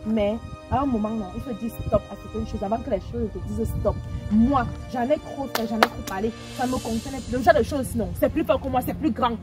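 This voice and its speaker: A woman playing a blunt female friend who scolds and lectures, with music clearly underneath. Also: on the high side, a little fast, natural voice. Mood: lecturing.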